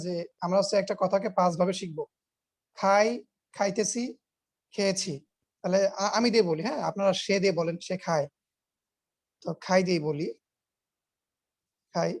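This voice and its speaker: A man's voice: high-pitched, darkish tone. A man teaching English grammar in an online class, explaining patiently, repeating his points, quizzing students and mixing English words into his talk.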